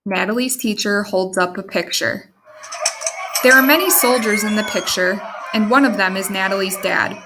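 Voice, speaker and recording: A woman storyteller reading a children's picture book aloud with expressive delivery. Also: mid-range voice, moderate pace, noisy background. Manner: expressive, animated read-aloud. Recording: music under the reading.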